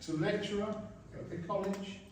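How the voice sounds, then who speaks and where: A man's voice: high-pitched, fairly even intonation, normal speed. A middle-aged man gives an informal, humorous father of the bride speech with dry, teasing delivery. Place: large reverberant room at a wedding reception. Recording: very echoey hall, distant mic, noisy room. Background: guests laughing, background noise.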